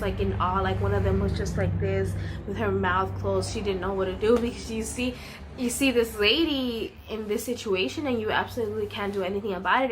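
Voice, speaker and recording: A woman's voice: medium pitch, a bit bright, slight background noise. A woman casually telling a personal story in a vlog, earnest and full of "um" and "you know".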